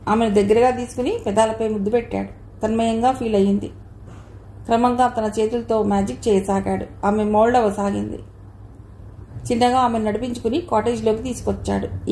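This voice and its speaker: Brief: woman audiobook narrator, horror novel, fairly high voice with a gravelly edge, roomy echo. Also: slight background noise. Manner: even storytelling read. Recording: echoey room.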